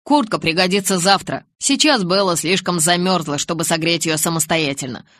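A reader doing a loud, brash young werewolf. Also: mid-range voice, moderate pace, close to an everyday voice. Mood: cheerful. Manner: loud, mocking, snapping.

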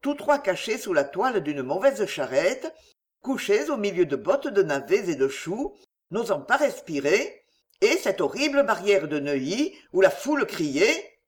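A man narrating a classic novel as an audiobook, expressive and lively. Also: sits high, measured pace.

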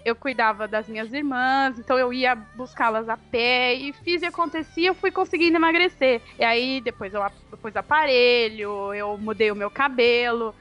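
Woman, high voice, casual slangy storyteller who acts out quotes; dull lo-fi mic with faint music. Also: normal speed, hardly any pauses, a bit bright. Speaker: podcast co-host.

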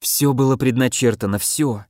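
A man reading the lines of a weary, fatalistic woman in an audiobook, in a flat, indifferent tone. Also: medium pitch, normal speed, no room sound, clean studio sound, close to an everyday voice. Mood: wistful.

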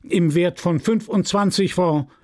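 A man voicing a pompous male official loudly proclaiming a list of prizes in an audiobook reading. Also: a little slow. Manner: loud, proclaiming, raised pitch.

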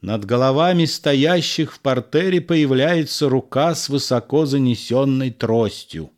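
A man narrating stage directions for an audio play. His pace is slow and unhurried, and his pitch is mid-range. He delivers the directions evenly. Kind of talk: audio-play reading of a verse drama.

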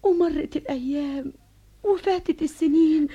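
Woman playing an egyptian queen mom, high mellow voice, scared and gentle, muffled old radio play. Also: normal speed, close to an everyday voice. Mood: confiding. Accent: Egyptian Arabic. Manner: soothing, confiding, sometimes whispering. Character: anxious queen mother, tender and fearful. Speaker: radio drama actress. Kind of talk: vintage radio drama acting. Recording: dull old radio broadcast.

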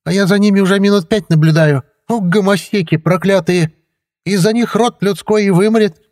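A man's voice: normal speed, darkish tone, lightly acted. A man voicing a bigoted woman neighbor who shrieks and scolds from a balcony. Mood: indignant. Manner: shrill, scolding. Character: shrill, bigoted woman neighbor yelling from above.

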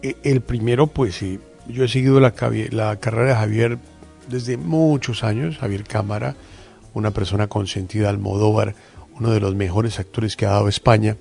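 A man hosting a radio interview, effusive and admiring, speaking haltingly with many fillers. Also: lowish voice, fairly even intonation, gravelly, darkish tone, faint music behind.

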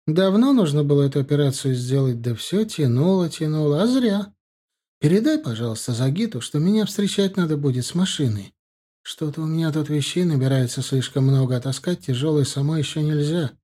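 A woman's voice: low-pitched, lively intonation, fairly quick, dark tone, pitched above the performer's own voice. A man voicing a chatty, practical older woman recovering from surgery, speaking firmly. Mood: lively.

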